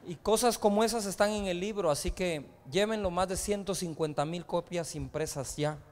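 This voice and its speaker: A man's voice: high-pitched, moderate pace, darkish tone. A male pastor preaching a sermon, telling stories in a conversational way with frequent rhetorical asides. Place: large church hall. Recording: live church hall reverb.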